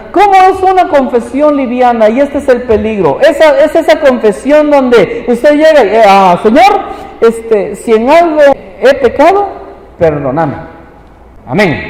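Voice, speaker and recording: A woman preacher giving a Bible teaching sermon, lively, with playful asides and acted quotes. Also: high-pitched. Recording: echoey hall with long reverb.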